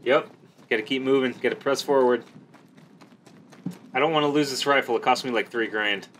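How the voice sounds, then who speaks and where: A man's voice: medium pitch, normal speed, a bit bright. A man hosting a gaming video, giving casual, slangy and enthusiastic commentary over his gameplay. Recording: background noise under the voice.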